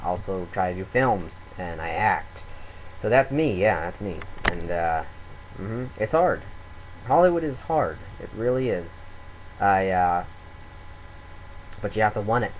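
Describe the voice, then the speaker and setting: A man's voice: fairly low pitch, a little hiss or hum, rough recording. A man in his twenties, a comedian, rambling through a self-deprecating webcam monologue full of fillers. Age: 20s.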